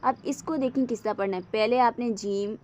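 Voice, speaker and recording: A woman with a fairly high voice teaches Quran reading in a recorded lesson. She draws each letter and word out slowly, then speeds up to explain the rules. She asks questions and keeps checking that her listeners follow. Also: a little mellow.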